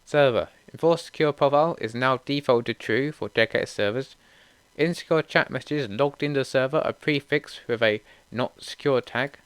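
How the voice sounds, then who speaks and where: A young man reads a list of game update notes aloud, steady and matter-of-fact, with relaxed asides in between. His voice is smooth and clear, and the recording is dry and close with no room sound. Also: medium pitch, no room sound. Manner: steady read-through with casual asides. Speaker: gaming channel host. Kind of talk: reading out patch notes.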